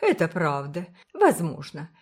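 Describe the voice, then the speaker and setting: A woman voicing a brisk, kindly older village woman who speaks firmly and emphatically. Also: sits low, wildly swooping pitch, darkish tone, breathy edge, exaggerated voice. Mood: emphatic. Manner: firm, emphatic, motherly.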